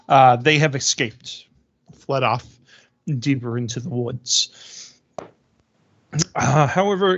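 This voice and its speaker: A man's voice: medium pitch, fairly bright tone, no echo. A man narrating a tabletop game as game master, moving between hesitant improvising and reading out prepared description. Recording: dull, dry, lo-fi voice-chat sound.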